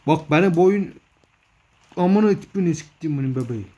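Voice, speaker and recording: A man's voice: on the high side, lively intonation, normal speed, mellow. Swearing, exasperated young man gaming. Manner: swearing, exasperated, playful mock storytelling. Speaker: gamer. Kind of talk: comedic horror gameplay commentary.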